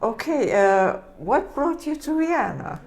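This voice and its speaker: Woman host, native german speaker, slow hesitant questions. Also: sits high, big pitch swings, gravelly, darkish tone. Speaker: interviewer, host. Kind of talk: casual interview.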